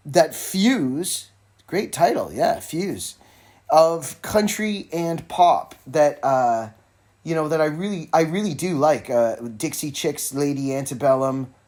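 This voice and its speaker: This solo podcast host, a man, talks about music in a rambling, casual way, breaking into his own sentences and adding dry, informal asides. His voice is slightly high with a darkish tone, and the setting is an informal recording made alone with a phone at hand.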